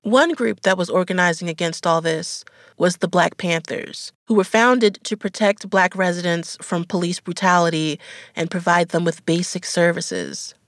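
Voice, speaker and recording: A woman's voice: fairly low pitch, moderate pace, dry recording, clean studio sound. A woman hosting a podcast, narrating reported history in a conversational way. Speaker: podcast host.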